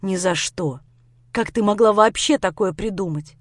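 A woman's voice: mid-range voice, moderate pace, dry recording, lightly acted. A woman voicing a young man who pleads with and soothes his upset girlfriend. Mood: pleading.

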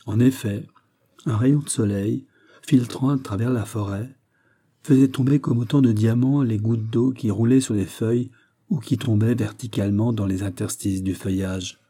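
In a measured, even storytelling manner, a man narrates a classic novel as an audiobook. His voice sits lowish and carries a breathy edge.

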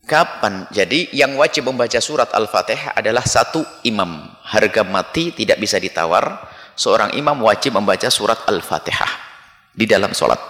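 A man preaching and answering listeners' questions, switching between loud emphasis and quiet asides. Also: on the low side, expressive, moderate pace. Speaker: Islamic preacher. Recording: echoey hall with long reverb.

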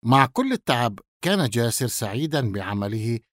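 A man reads a novel aloud in a measured, steady storytelling manner. His voice sits in an ordinary middle register. The recording is dry and close, with no room sound. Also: medium pitch, dry recording. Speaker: audiobook narrator. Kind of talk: scripted novel narration.

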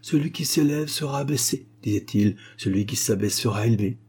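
A man voicing a kindly, devout old shoemaker who speaks gently and earnestly. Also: mid-range voice, brisk, breathy edge, lightly acted.

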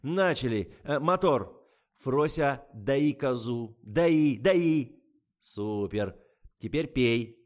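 A man voicing an irritable male film director who shouts bossy orders. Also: fairly low pitch, very slow. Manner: barking, bossy.

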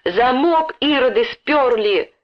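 A woman reader voicing a stout, red-cheeked woman who yells in a shrill, piercing voice and accuses loudly, on a dull lo-fi recording. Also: very animated, a little slow, husky. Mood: shrieking alarm. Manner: bellowing, accusing.

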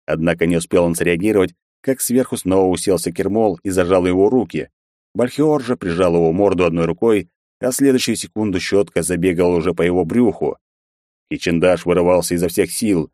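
Deep-voiced male audiobook narrator. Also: a little fast, dark tone, no echo, studio quality. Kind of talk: scripted narration.

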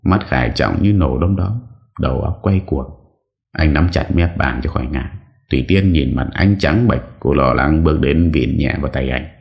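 A man narrating a story as an audiobook reader, steady and dramatic. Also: a bass voice, moderate pace, vocal fry.

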